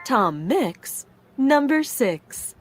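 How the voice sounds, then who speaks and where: A woman calling bingo numbers with their rhyming calls, slow and measured. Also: high-pitched, very animated. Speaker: bingo caller. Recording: loud music playing underneath.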